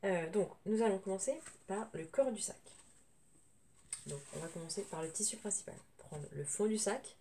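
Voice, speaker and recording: A woman hosting a casual sewing tutorial, her voice thick and odd from tonsillitis, hesitant and often clearing her throat, recorded on a camera without a separate microphone. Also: mid-range voice, normal speed, dark tone. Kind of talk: casual spoken craft tutorial. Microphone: camera's built-in microphone at a distance. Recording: noisy room sound without microphone.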